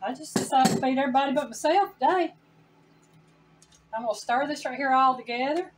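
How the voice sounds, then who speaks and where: A woman's voice: sits high, brisk, far from the mic. Folksy woman in a home kitchen. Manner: folksy, chatty, says "y'all" to viewers. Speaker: home cooking channel host. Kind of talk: casual cooking demonstration.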